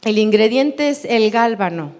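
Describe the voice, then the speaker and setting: A woman with a Mexican Spanish accent teaching a Bible class in a church, unhurried and often asking her listeners questions. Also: fairly high pitch, expressive, darkish tone. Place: church hall. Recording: long hall reverb.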